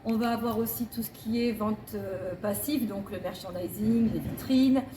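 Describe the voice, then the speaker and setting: A woman's voice: mid-range voice, moderate pace, echoey room, background noise. A woman in her forties, a store manager, describing her job with frequent hesitations. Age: 40s. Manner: hesitant, many fillers. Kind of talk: corporate job interview testimony.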